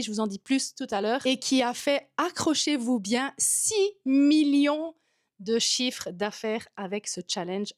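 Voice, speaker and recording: A woman with a Swiss French accent vlogs straight to the viewer in a high, bright-toned voice. She is a yoga teacher and content coach, and she talks in a direct, lively and informal way. The sound is dry and close, with almost no room echo. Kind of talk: talking-to-camera vlog.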